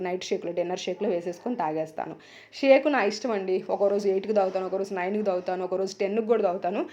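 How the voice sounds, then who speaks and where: A woman in her thirties, a wellness coach, chatting loudly and energetically in a casual vlog. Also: medium pitch, muffled recording. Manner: loud, fast, energetic chatter.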